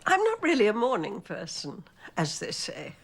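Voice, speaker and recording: An elderly English mother with the cool air of a dowager duchess. Her speech is genteel and clipped, with lively swings of pitch. The television drama recording has clear background noise. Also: normal speed. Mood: stiff, guarded. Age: older. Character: cool, haughty elderly mother of a grown son.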